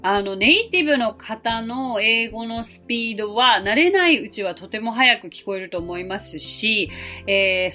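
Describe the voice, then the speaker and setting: Woman, 40s, podcast language teacher; bright, clear, patient delivery over a faint music bed. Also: fairly high pitch. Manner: clear, gentle explanatory tone, slows down for English phrases. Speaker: English teacher and podcast host. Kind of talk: podcast English lesson.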